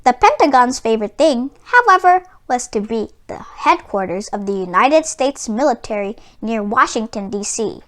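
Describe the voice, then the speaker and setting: A woman reading a children's book aloud in an expressive storytelling style. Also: on the high side, moderate pace, hardly any pauses.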